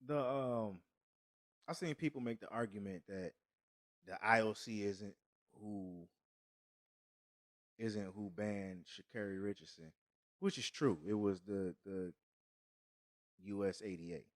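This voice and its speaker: A man's voice: lowish voice, a little slow, long pauses, no echo, clean studio sound. A man co-hosting a podcast in casual, profane chat, emphatic and often restarting mid-thought. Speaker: podcast co-host.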